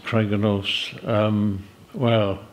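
A man's voice: lowish voice, flat delivery, drawn-out words. An older man recounting past events vividly in an interview. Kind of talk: storytelling interview.

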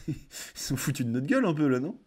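A young man reading card effects aloud and reacting in relaxed slangy chat as a card game content creator. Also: a little high, fast talker, breathy edge. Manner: reads card text then comments casually with slang. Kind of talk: casual card review reading.

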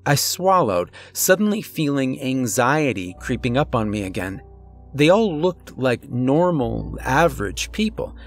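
A man reading a first-person horror story in a steady, measured way, pausing tensely between phrases. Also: medium pitch. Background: faint eerie music.

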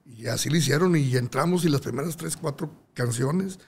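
A man, a guest singer telling a casual anecdote in a lively, slangy way. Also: medium pitch, fairly quick, gravelly, breathy edge. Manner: lively storyteller, acting out voices and using slang.

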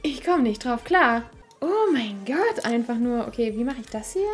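Faint music plays behind a young woman on a livestream as she chats casually at her desk mic during an excited unboxing. Her voice sits on the high side with lively intonation and a normal pace, and she's giddy and overwhelmed, laughing and squealing a lot.

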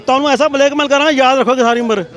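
A man's voice: extremely high pitch, fairly even intonation, rapid-fire, fairly bright tone. A middle-aged man, a party volunteer, ranting angrily and defiantly in a street interview outdoors.

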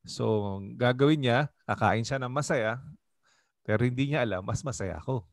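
Mixing Tagalog and English, a Filipino man who is a pastor teaches a Bible study in a chatty style, frequently asking the group questions. He speaks at a moderate pace in a mid-range voice, and the recording is dry.

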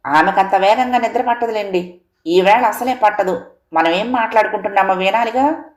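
A woman doing a sharp-tongued, resentful young daughter-in-law. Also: moderate pace, roomy sound, lightly acted. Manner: sharp, raised, complaining pitch.

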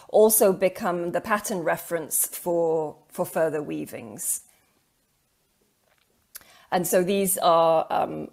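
A middle-aged woman, a keynote lecturer, gives an academic art lecture over slides on a video call. Her lowish, slightly mellow voice sounds thoughtful and hesitant, with many ums and repeated words.

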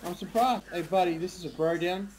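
A man's voice: sits high, brisk, background noise. A man trash-talking another player over in-game voice chat, aggressive and profane.

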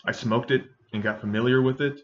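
A man in his thirties giving a casual, halting review, talking with a pipe in his mouth. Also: mid-range voice, steady tone. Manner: halting, hesitant delivery. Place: small indoor room with bookshelves. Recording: dull webcam sound with faint noise.

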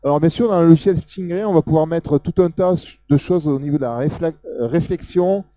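A man with a Southern French accent giving a casual live software demo, talking loosely with many fillers as he points things out on screen. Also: fairly high pitch, a little fast, no echo. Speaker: software presenter. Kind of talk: live technical demo talk.

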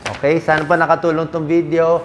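Chatty middle-aged Filipino doctor. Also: male voice, a little high, flat delivery, fairly quick, muffled recording, slight background noise. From Philippines. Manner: conversational, mixes English medical terms into Tagalog; checks in with frequent tag questions. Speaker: doctor giving health advice. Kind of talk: casual health talk.

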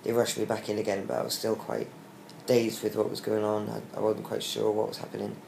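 A young British man, weak, tired and short of breath after surgery, talking haltingly in a casual video diary. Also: lowish voice, monotone, creaky, a little mellow. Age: young adult. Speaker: vlogger giving a recovery update. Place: small hospital room, lying in bed. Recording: roomy echo with faint background hiss.

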